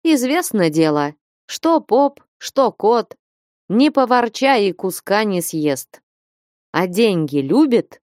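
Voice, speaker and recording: Brief: a woman playing a surly old watchman, an ex-soldier; rough peasant speech, sharp delivery. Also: medium pitch, sing-song, slow, no room sound, clean studio sound, voice pushed up. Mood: chatty. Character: gruff old male church watchman, retired soldier.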